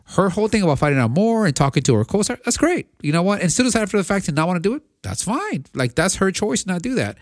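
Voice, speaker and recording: A man's voice: sits high, big pitch swings, quick pace, hardly any pauses, dry recording, clean studio sound. A man co-hosting a podcast, giving his opinion in casual debate, often restarting and repeating words as he thinks aloud. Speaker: podcast co-host.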